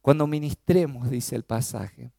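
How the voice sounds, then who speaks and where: A man from Chaco with an Argentine accent preaching a sermon, swinging between emphatic raised peaks and low, quiet lines. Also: a little slow, gravelly, dry recording, studio quality. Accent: Argentine Spanish. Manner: animated preaching, rising to emphatic peaks then dropping low.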